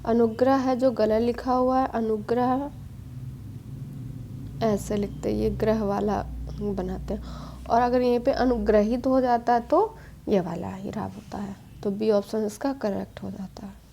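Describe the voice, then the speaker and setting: A woman teaching an exam-prep Hindi spelling lesson, going through quiz questions one by one in a steady explaining tone. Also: on the high side, measured pace, gravelly, slight background noise. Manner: steady explaining tone, mixes English quiz terms.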